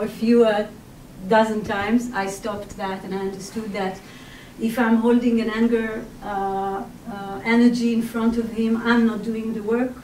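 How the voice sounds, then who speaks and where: A woman from Israel with an Israeli accent, a therapist speaking to an audience in a reflective, hesitant way with many pauses. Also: on the high side, darkish tone, a little hiss or hum. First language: Hebrew. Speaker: sex and relationship therapist. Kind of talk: personal talk to an audience. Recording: distant mic in an echoey room.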